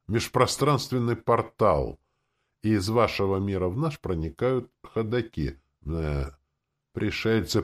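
A man's voice: fairly low pitch, voice pushed up. A man voicing an elderly, plump, good-natured official who speaks formally and courteously with a hint of amusement.

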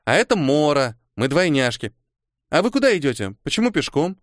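Man doing a pushy little girl, about eight, asking question after question in a squeaky high voice. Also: very animated, no room sound, studio quality. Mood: inquisitive. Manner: rapid, prying questions, high-pitched.

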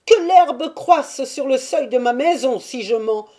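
A woman's voice: sits high, lively intonation, a little slow, warm tone, voice pushed up. A woman reading aloud and voicing a fearful, pleading old male trader who protests his honesty. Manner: voice raised, wheedling and protesting.

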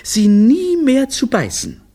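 Man doing a flustered mother, shrill, scolding, very high, husky. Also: wildly swooping pitch, slow pace, mellow, exaggerated voice. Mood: pleading.

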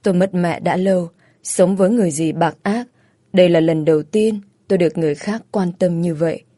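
A woman with a low voice narrates a first-person romance story, steady and plain in her telling. The recording is dry and close with no room sound. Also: brisk, no echo.

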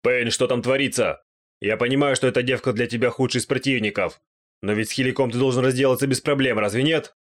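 A man voicing a dim-witted, bewildered young knight in an audiobook, talking loud and confused. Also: medium pitch, animated, takes it slowly, few pauses.

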